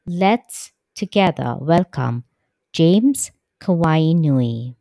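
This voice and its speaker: A woman hosting a podcast, speaking in a measured, deliberate way and slowing down to stress key words. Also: sits low, expressive, gravelly, dark tone, no room sound. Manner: measured, deliberate delivery with slowed emphasis. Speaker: podcast host. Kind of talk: scripted podcast introduction and interview. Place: currently in India.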